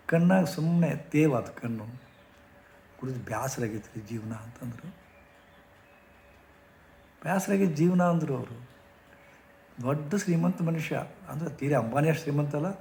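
A man, a spiritual teacher telling a story in a reflective way, with many pauses and shifts in loudness. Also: mid-range voice, creaky. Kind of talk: storytelling talk. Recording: echoey room with faint hiss.

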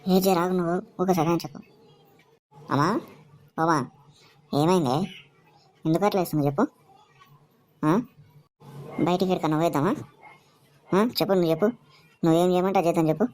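A woman voicing a grown son with a Telangana accent in a cartoon comedy, coaxing and pleading with his mother in a lowered voice. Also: fairly even intonation, fast, long pauses, darkish tone, close to an everyday voice. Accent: Telangana Telugu.

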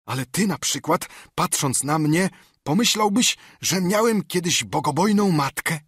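A man's voice: a little high, a little slow, breathy edge, no room sound, studio quality, voice pushed up, heavily acted. A man voicing a half-mad marooned castaway who is eager, wheedling and keeps repeating himself. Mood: confiding. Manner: excitable, pleading, repeats himself.

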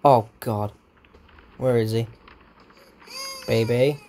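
A man doing let's-play commentary, excitable and swearing at the game while muttering to himself. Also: mid-range voice, drawn-out words. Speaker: gamer.

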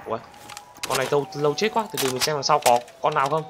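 A young man commentating a game, excitable and talking straight to viewers, bursting into panicked shouts. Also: on the high side, racing, background noise. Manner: talks to viewers directly. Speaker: gaming channel host. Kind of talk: let's play commentary. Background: loud game music.

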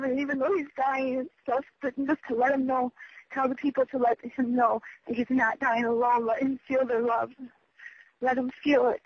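Woman leaving a rambling voicemail message. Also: sits high. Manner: rambling, scattered, urgent, swearing. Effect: voicemail message over a phone line. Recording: muffled lo-fi phone voicemail.

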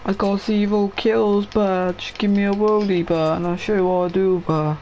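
A man's voice: high voice, fairly even intonation, normal speed, darkish tone. A young man chatting casually while gaming, sweary, slangy and playful. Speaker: gamer streaming a shooter game. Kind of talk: casual gameplay chat. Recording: noisy game stream with background ambience.

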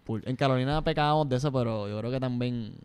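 Fast-talking young Puerto Rican man. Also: medium pitch, a little mellow, smooth. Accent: Puerto Rican Spanish. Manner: joking, mixes English words into his Spanish. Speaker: podcast co-host. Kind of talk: casual chat.

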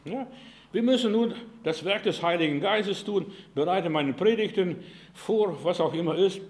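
A man's voice: on the high side, darkish tone. A man preaching a sermon to a congregation, emphatic and conversational, dropping frequent asides like "ja" and "verstehst du". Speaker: pastor. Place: church hall with congregation.

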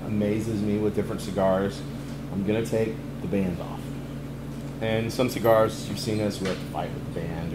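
A middle-aged man, chatting casually in a cigar lounge as he reviews a cigar, relaxed and easygoing with many ums. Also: on the low side, reverberant, background noise. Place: cigar lounge, indoors, leather chairs.

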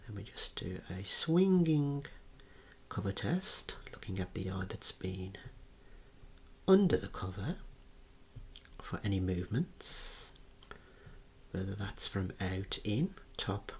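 A man with a deep, low voice whispers gently through a clinic role-play, unhurried and careful. His pitch rises and falls in a lively way, and he drops in soft words of praise as he works. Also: breathy edge. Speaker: clinician demonstrating eye and head measurements.

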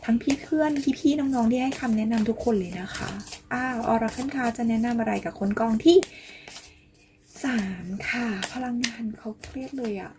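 A woman hosting a casual tarot reading for her viewers, chatty and coaxing, calling herself grandma and sometimes dropping to a soft near-whisper. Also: a little high, moderate pace, noisy background. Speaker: tarot reader and channel host.

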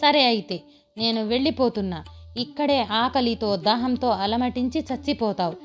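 A woman's voice: on the high side, moderate pace, lightly acted. A woman voicing a female mermaid who bargains in a firm, matter-of-fact way. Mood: dismissive. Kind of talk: storybook voice acting. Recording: slightly dull, soft background music.

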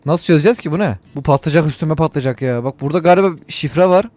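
A man giving joking, excitable and profane commentary while playing a video game. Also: on the high side, fast, a little hiss or hum. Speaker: gaming YouTuber.

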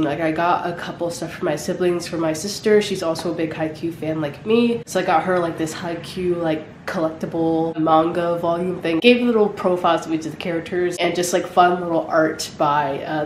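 A young woman chatting through a vlog, her voice nasal and stuffed up from a cold. She talks a little low for a woman and keeps dropping in "like" and "um." The sound is echoey, with faint room ambience behind her. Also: background noise. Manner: chatty, lots of "like" and "um" fillers. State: congested from a cold. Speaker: vlogger. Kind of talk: casual vlog chat.

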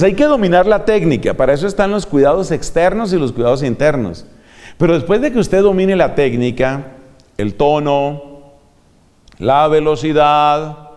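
A man teaching how to preach, in a measured lecture manner that shows off his vocal range. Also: on the high side, darkish tone. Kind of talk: homiletics lecture. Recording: long hall reverb.

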